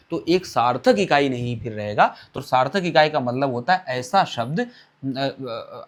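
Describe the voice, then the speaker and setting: A man teaching an online exam-prep lecture, asking questions and answering them himself while repeating key terms. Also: fairly high pitch.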